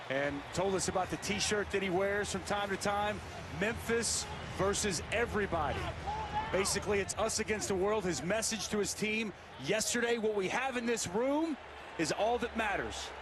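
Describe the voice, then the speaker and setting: High-voiced male football color commentator. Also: moderate pace, noisy background. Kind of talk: live football analysis.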